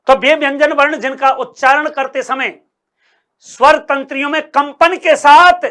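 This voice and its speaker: A man leads a grammar lesson in a high, bright voice. He speaks slowly and deliberately, sounding out each letter. He repeats key phrases over and over and fires questions back at the class. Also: steady tone. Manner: addresses students as sir and brother. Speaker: coaching teacher. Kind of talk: Hindi grammar lecture.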